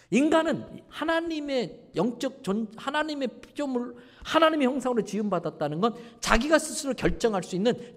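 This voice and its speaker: A man preaching a revival sermon and telling a story, acting out the voices of a father and son. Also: sits high. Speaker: pastor. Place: church sanctuary. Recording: church sanctuary with long reverb.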